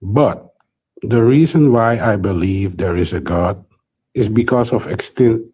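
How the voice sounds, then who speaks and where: A guest debater in his forties, a native Creole speaker with a Guyanese accent, argues casually and searches for words. His voice is husky, a little mellow, fairly low in pitch and a bit slow.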